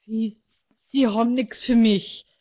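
Woman reading as a shrill, furious young woman. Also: fairly even intonation, slow pace, lo-fi sound. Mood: disbelieving. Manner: shrill, agitated, shouting. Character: upset young woman, rising from shy to furious. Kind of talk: author reading aloud.

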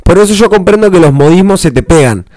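A man's voice: high voice, expressive, fast talker, a little mellow, no room sound. A man with an Argentine accent, hosting a reaction video in a casual, rambling way, heavy on slang and restarts. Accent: Argentine Spanish. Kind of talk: casual commentary.

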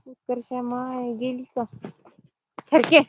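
A woman's voice: fairly high pitch, level tone, unhurried, a little mellow, highs cut off, a little hiss or hum. A woman from the Dharashiv area, chatting casually on a live stream while herding goats outdoors, greeting viewers and reading their comments into her phone. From Dharashiv district, Maharashtra.

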